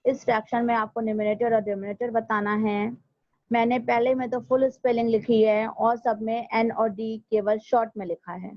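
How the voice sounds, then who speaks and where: A woman school teacher, patiently explaining a maths lesson step by step and slowing down to repeat things for her students. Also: a little high, little pitch movement, a little hiss or hum. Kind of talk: recorded online maths lesson. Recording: dry, dull lo-fi home recording.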